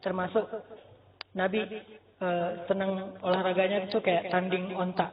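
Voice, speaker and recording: A man preaching a casual sermon, telling stories in a lively way and acting out the quotes. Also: high voice, unhurried, slight background noise. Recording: echoey hall, tinny phone-like sound.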